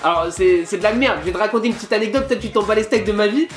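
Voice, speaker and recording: A young man from France casually reacting to an online quiz, slangy and animated, swearing and grumbling as he talks. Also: high-pitched, very fast. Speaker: YouTuber. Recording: roomy sound with music behind.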